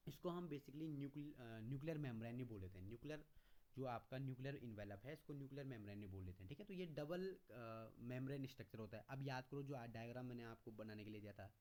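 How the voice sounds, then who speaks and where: A man's voice: mid-range voice, a little mellow. Man teaching, asking and answering himself. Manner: asks questions and answers them himself, calls students beta; mixes Hindi explanation with read-out English notes, slower on English. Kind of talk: classroom lecture.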